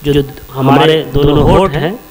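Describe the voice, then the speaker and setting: A man teaching a slow alphabet lesson, repeating each letter several times and explaining step by step where it is made in the mouth. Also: fairly high pitch, crowd noise. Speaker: Arabic teacher.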